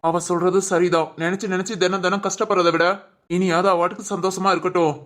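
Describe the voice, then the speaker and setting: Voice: mid-range voice, flat delivery, fast talker, a bit bright, lightly acted. A performer voicing a caring young man in a cartoon, a protective older brother who reassures and advises his sister. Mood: reassuring. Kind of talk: cartoon voice acting.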